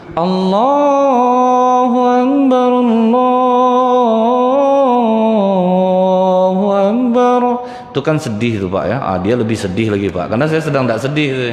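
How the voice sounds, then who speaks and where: A male preacher, giving a lively sermon full of stories and constantly addressing the audience as sir and madam. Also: fairly low pitch, a little hiss or hum. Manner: addresses audience as Pak and Bu constantly, acts out quoted voices, jokes. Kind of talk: lively mosque sermon with storytelling. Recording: echoey hall with faint ambience.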